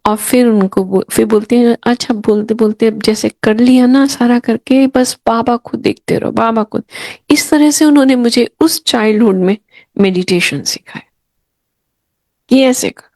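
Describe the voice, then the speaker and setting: A middle-aged woman sharing childhood memories with a gathering in an unhurried storytelling manner, acting out the voices of her elders and her younger self. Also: on the high side, darkish tone, dry recording. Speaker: spiritual speaker sharing memories.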